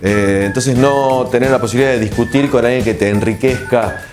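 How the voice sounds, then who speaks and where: A man in his forties with an Argentine accent, answering interview questions in a relaxed, reflective way with frequent filler pauses, on a lapel mic in a small studio. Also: mid-range voice, music in the background. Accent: Argentine Spanish. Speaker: TV host and producer, interview guest.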